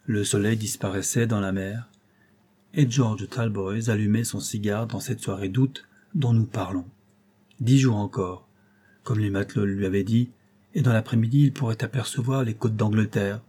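Homme au timbre chaud et voilé, lecteur de roman. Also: male voice, fairly low pitch, fairly even intonation, normal speed, dark tone, slightly rough. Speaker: audiobook reader. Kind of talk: reading a novel aloud.

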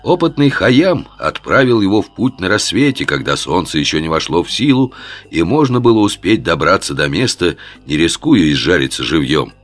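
A man reading a comic adventure novel aloud as scripted narration, in a lively, ironic storytelling manner. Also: sits low, moderate pace, soft background music. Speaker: audiobook narrator.

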